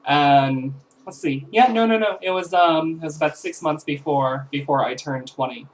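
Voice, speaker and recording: A woman's voice: deep voice, normal speed, low-quality recording. A woman in her twenties chatting casually to camera as a vlogger, rambling with fillers and self-corrections. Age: 20s.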